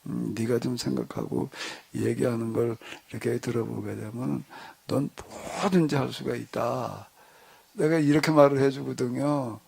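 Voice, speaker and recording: A middle-aged male pastor telling a story to his congregation in a relaxed, conversational way, acting out the dialogue as he goes. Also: medium pitch, moderate pace, vocal fry, husky. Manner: conversational, animated retelling with quoted dialogue. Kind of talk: storytelling in a church discussion.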